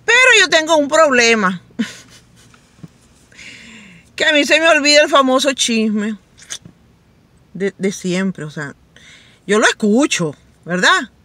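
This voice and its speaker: Lively, bright-voiced middle-aged woman vlogger. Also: slow, long pauses, dry recording. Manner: chatty and animated, with frequent laughs; acts out quoted voices in a high pitch. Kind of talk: casual storytelling to camera.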